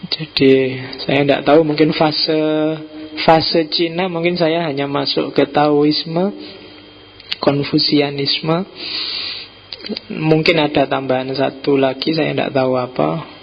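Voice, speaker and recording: Male lecturer with a Javanese accent, slightly high, gravelly voice, casual teasing delivery, dull lo-fi recording with faint noise. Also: fairly even intonation, unhurried. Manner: chatty and teasing, mixing in Javanese words. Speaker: philosophy lecturer. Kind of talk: informal lecture to a study group.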